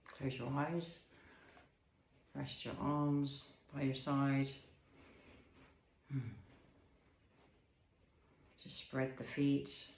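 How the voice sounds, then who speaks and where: In a reverberant space, a man with a mid-range voice guides a body scan as an instructor, speaking slowly and calmly with pauses and soft questions.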